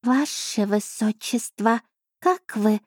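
A woman voicing a fierce, protective female cat familiar in an audiobook, speaking high and slow. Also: animated, warm tone, no echo, studio quality. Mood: worried.

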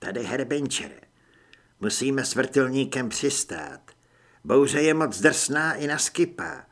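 A man's voice: mid-range voice, expressive, fairly bright tone. A man voicing a terse male team leader giving orders over a radio in an audiobook. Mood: commanding. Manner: curt, commanding.

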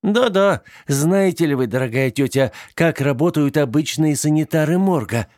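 A man voicing a sharp-tongued teenage girl from a vampire family who gleefully tattles on her brother. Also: medium pitch, unhurried, no room sound, studio quality, voice pushed up, natural voice. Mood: gleeful taunting. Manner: lively, mocking, lecturing.

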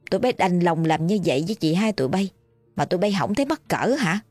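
A woman's voice: expressive, quick pace, a little mellow, no room sound, soft background music. A woman voicing an angry old grandfather's ghost. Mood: furious scolding. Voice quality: booming, scolding.

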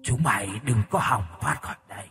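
A man doing a raspy undead corpse-woman. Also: mid-range voice, lively intonation, a little fast, fairly bright tone, heavily acted. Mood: menacing. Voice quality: raspy, echoing. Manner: menacing, shrieking threats. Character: vengeful undead noblewoman's corpse, shrivelled.

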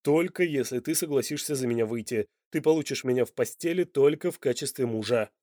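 A man's voice: mid-range voice, a little fast, darkish tone, no echo, studio quality, lightly acted. A man playing a blunt, passionate, demanding Italian lover in an audiobook. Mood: insistent. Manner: blunt and insistent.

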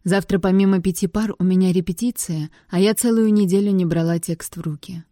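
A woman narrates a first-person novel in a low, mellow voice with a wry, sardonic edge. The recording is dry and close, with no room sound. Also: fairly even intonation, fairly quick, no room sound. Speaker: audiobook narrator.

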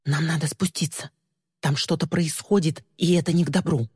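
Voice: mid-range voice, fairly even intonation, moderate pace, darkish tone, husky, no room sound, clean studio sound, long reverb tail. An audiobook reader voicing a level-headed teenage girl who grumbles but speaks firmly to her cousin. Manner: grumbling, firm.

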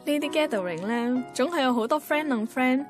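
In a radio drama's first-person monologue, a woman with a Hong Kong Cantonese accent plays a young working woman, wistful and introspective. Her high-sitting voice is animated yet musing, at a moderate pace, with a clear music bed behind it.

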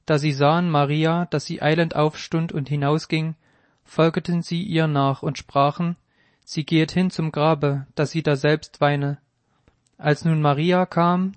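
A man reads scripture aloud in a solemn, measured way. His voice sits a little high for a man and stays flat and even throughout. The recording is close and dry. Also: dry recording. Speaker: narrator. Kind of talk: scripted Bible reading.

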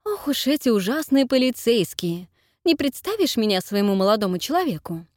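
A brusque woman of forty speaks in short, stern sentences, read by a woman narrator. The pitch rises and falls a lot, and the recording is dry and close. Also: sing-song, brisk, a little mellow, no room sound. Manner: blunt and curt. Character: blunt, brusque woman in her forties.

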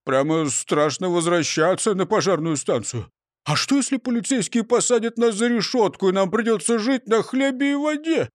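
A man's voice: high-pitched, lively intonation, normal speed, no echo, studio quality, voice pushed up. A man voicing a timid, always-hungry fireman who frets aloud, in a storybook reading. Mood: worried. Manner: worried, fretful.

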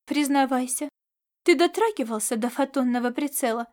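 Shrill scolding alien cat, as a woman narrator puts her on. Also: normal speed, a little mellow, lightly acted. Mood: curt. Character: irritable female alien star cat crewmate. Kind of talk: audiobook character voice.

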